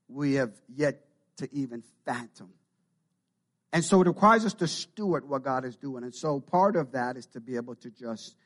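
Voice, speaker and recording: A pastor with a Jamaican Canadian accent preaches a sermon to his congregation in a medium-pitched voice. He often repeats his phrases and builds on them.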